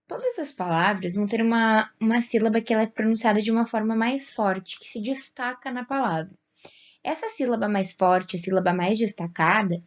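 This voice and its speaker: Patient Brazilian woman teacher, high voice. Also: highs cut off. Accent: Brazilian Portuguese. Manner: patient, slow, stretches example words syllable by syllable. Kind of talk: classroom explanation.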